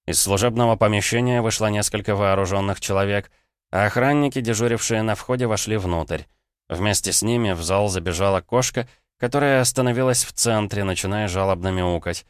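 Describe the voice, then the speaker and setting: A male audiobook narrator with a smooth, resonant voice in a fairly low register. He reads first-person narration in an even, measured way. The sound is close and dry. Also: dry recording.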